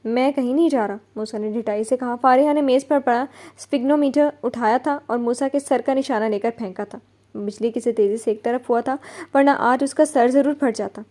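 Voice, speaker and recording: Woman reading a romance novel out loud, expressive, kinda high pitched but mellow. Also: moderate pace. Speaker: narrator. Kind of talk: scripted narration of a romance novel.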